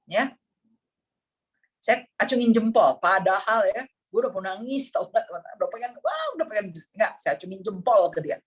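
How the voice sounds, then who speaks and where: A woman in neuroscience addresses a group of parents in a husky, mid-range voice at a moderate pace. She tells dramatic stories and speaks directly to her listeners.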